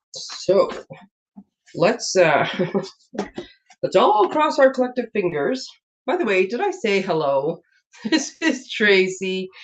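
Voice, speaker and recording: Chatty woman hosting a craft stream. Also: fairly low pitch. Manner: rambling and chatty, laughs often. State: recovering from a sinus infection, slightly congested. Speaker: host of a papercraft live stream. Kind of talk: casual live-stream chat. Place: home craft room at her desk. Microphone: webcam setup. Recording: dull lo-fi stream audio.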